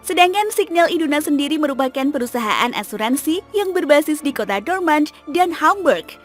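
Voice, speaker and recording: A woman with a high voice reads a scripted football explainer in a steady, informative way. Faint music sits underneath her narration. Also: a little fast. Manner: steady, informative read-aloud delivery.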